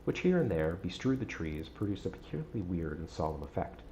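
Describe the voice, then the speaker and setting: A man reading a gothic novel aloud with a measured, dramatic storytelling delivery. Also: sits low, big pitch swings, dark tone, slight background noise, rough recording. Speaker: audiobook-style reader on a stream.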